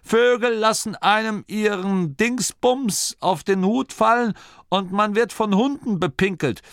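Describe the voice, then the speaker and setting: A man voicing a rambling, nervous old gnome man who stammers and gets carried away telling stories in a high, raised voice. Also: measured pace, dry recording, clean studio sound. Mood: reminiscing. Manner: excited, stammering storyteller.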